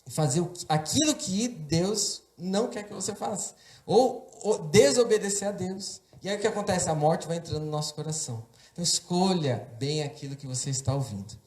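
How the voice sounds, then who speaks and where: Male preacher, fairly high voice, impassioned sermon, roomy church echo. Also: fairly quick. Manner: impassioned, building to forceful emphasis. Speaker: pastor.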